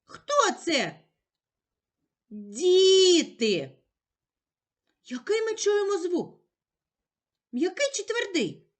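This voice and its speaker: A woman teacher with a Ukrainian accent, leading a slow, clearly spoken reading lesson for young children, patiently asking and answering her own questions and stretching out the sounds. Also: very high-pitched, sing-song.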